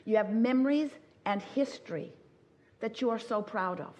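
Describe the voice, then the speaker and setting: A woman's voice: fairly high pitch, normal speed, a little mellow. Woman speaking as a collective "we". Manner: emphatic repetition. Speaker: inspirational speaker. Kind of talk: motivational seminar talk.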